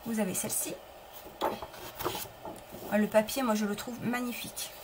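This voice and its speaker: A woman's voice: a little high, fairly even intonation, normal speed, very noisy. Chatty woman hosting a live craft stream. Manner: chatty, restarts and apologizes, answers viewers. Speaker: papercraft demonstrator.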